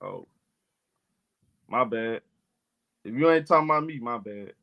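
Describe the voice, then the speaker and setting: A man's voice: mid-range voice, measured pace, lo-fi sound. A man hosting a casual sports talk live stream, loose and argumentative, talking back to his chat in slang.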